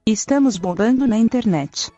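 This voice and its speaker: A woman voicing a sly, mellow search-engine assistant. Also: a little high, no echo, lo-fi sound. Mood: teasing. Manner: slow, flat, mocking robotic delivery. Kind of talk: radio comedy sketch. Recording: radio broadcast with music bed.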